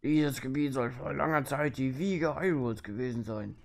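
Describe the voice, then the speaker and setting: A man's voice: medium pitch, normal speed, creaky, lightly acted. Man putting on a grumpy old hermit. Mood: world-weary. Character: grumpy old male hermit, teasing and world-weary. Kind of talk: dramatised reading of game dialogue.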